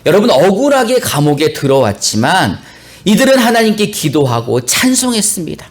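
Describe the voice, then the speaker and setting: A male pastor preaching a sermon and reading scripture, telling the story with animated, acted-out flair. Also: sits high. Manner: animated storytelling, acts out biblical characters.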